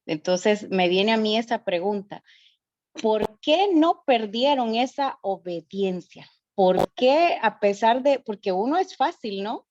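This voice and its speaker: A woman's voice: medium pitch, animated, slow pace, darkish tone. A woman student asks a question during an online class, hesitating and starting over as she searches for her words. Her call audio sounds dull and lo-fi. It is dry, with no room echo. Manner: hesitant, many fillers and restarts.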